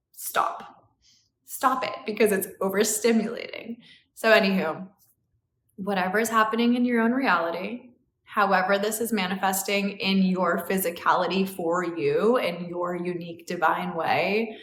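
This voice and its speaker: A young woman, an astrologer, giving a casual, heartfelt energy reading to camera in her apartment, speaking candidly and swinging between quick rushes and slow, drawn-out words. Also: medium pitch, fairly bright tone, echoey room, slight background noise. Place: her new apartment full of flowers.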